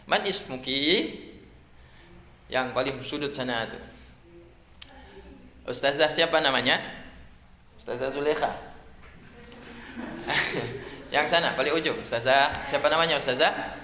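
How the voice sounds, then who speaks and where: A man's voice: mid-range voice, unhurried, pauses often, a crowd in the background. A middle-aged man teaching a religious studies class, chatty and joking with his students, often repeating words as he explains. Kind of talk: classroom lecture. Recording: echoey classroom.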